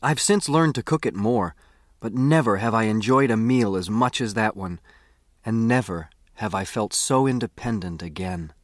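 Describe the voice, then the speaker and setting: An American male audiobook narrator tells a first-person story with expression, sounding like a boy relating his own adventure conversationally. His voice is on the low side at a normal speed, in a clean studio recording with no echo.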